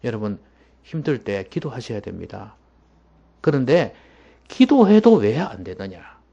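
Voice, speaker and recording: A man preaching a sermon as pastor in a church, emphatic and at times dropping to a hushed voice. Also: mid-range voice, very animated, unhurried, vocal fry, husky, lo-fi sound.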